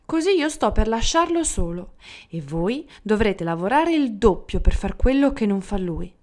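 A woman's voice: medium pitch, sing-song, normal speed, a little mellow, close to an everyday voice. A woman voicing the first man of the world, sorry yet firm, in a storybook reading. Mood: regretful.

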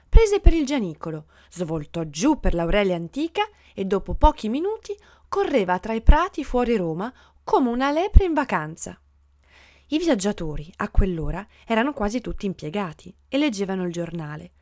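A woman reading a children's story aloud in an expressive storybook manner. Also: no room sound, studio quality. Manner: lively, voices the passengers' shouts with big jumps in pitch.

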